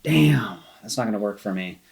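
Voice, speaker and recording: An actor playing a hesitant, deadpan man calling customer support, with dry understatement in a comedy. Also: on the low side, normal speed, gravelly. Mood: reluctant, dry. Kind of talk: comedy dialogue.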